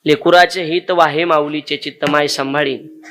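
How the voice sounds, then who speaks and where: A man voicing a kindly rural bus conductor who gently coaxes a crying boy with questions, inside a sermon. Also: fairly high pitch, fairly even intonation, moderate pace, natural voice. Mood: coaxing.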